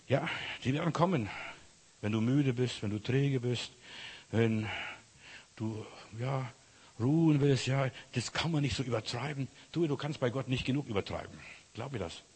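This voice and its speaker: A man preaching a lively sermon, swinging from loud cries to quiet asides. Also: medium pitch, normal speed, pauses often, slightly rough. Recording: echoey hall reverb.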